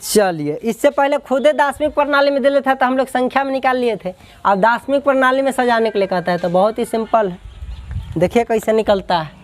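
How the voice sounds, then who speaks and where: A man's voice: extremely high pitch, a little fast. A male math teacher from Bihar, taking students through exam questions step by step and cheering them on as his brave lions. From Bihar, India. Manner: addresses students as "my brave ones, my lions", drills and asks back. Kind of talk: exam-prep math lesson.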